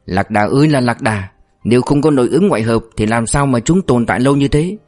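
A man's voice: medium pitch, expressive, brisk, a little mellow, faint music behind, close to an everyday voice. A man reading as a sly young cadet. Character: cunning young male cadet, sly leader.

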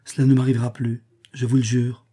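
A man voicing a remorseful young gentleman in a read-aloud story, speaking softly and apologetically. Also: medium pitch, level tone, a little fast, breathy edge, close to an everyday voice. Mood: apologetic.

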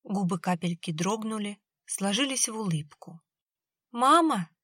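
A woman reading an audiobook in an even, measured scripted narration. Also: mid-range voice, no room sound, studio quality.

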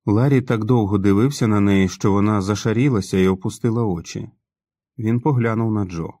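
Low male narrator, dry close sound, expressive audiobook reading. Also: brisk, no echo. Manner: expressive reading with acted dialogue. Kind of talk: scripted narration.

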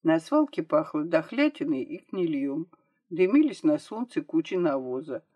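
A woman narrating an audiobook with a measured, expressive reading. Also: deep voice, muffled recording.

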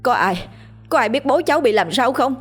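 A woman's voice: fairly high pitch, expressive, normal speed, husky, soft background music, pitched above the performer's own voice. Casting: a woman playing a desperate grieving son, raised pleading cries, storybook tale. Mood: anguished. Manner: crying out, pleading.

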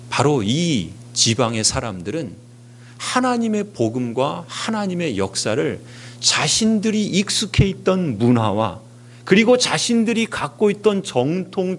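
A middle-aged man preaching a sermon as pastor, lively and questioning his listeners. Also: sits high. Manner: animated preaching with rhetorical questions.

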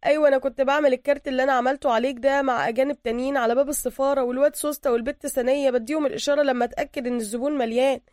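A woman voicing a frightened young Egyptian man with an Egyptian accent, crying and pleading in a strained, high, loud voice. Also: fairly even intonation, racing, few pauses, no room sound, clean studio sound, natural voice. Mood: tearful. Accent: Egyptian Arabic.

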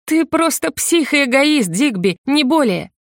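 A woman's voice: on the high side, animated, brisk, no echo, pitched above the performer's own voice, lightly acted. A proud young sorceress, voiced by a woman reading aloud, bristling and indignant, always near tears. Her voice sits well above the reader's own. The recording is dry and close. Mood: furious. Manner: sharp, indignant, on the edge of tears. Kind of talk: audiobook character reading.

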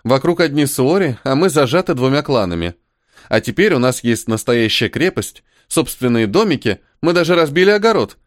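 A man's voice: mid-range voice, no echo, clean studio sound, natural voice. A man voicing a young blonde woman who complains and teases in a raised, girlish voice.

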